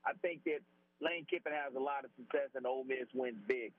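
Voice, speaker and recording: A man's voice: medium pitch, brisk, no echo. A man calling in from his car to make confident sports picks, his voice tinny and tin-can-like over a phone line. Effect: tinny tin-can sound over a phone line. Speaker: sports radio co-host. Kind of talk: sports radio prediction segment.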